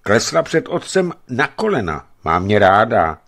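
A man voicing a huge, lovesick young watchman in a read-aloud story, speaking plainly and loudly. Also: very animated, gravelly, exaggerated voice. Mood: earnest. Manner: booming yet shy, talks plainly.

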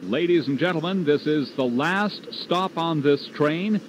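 A man's voice: fairly high pitch, unhurried. A man making a subway passenger announcement over the intercom. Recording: muffled intercom audio with clear noise.

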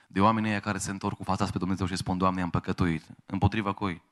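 A male pastor preaching a sermon in church, quoting voices and building to loud raised passages. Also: low-pitched, little pitch movement.

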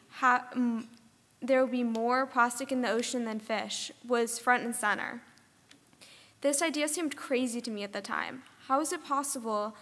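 A teenage girl and high school student reading a prepared speech at a podium in an earnest, steady way. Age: teens. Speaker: student speaker. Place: large conference ballroom. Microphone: podium microphone. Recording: long hall reverb.

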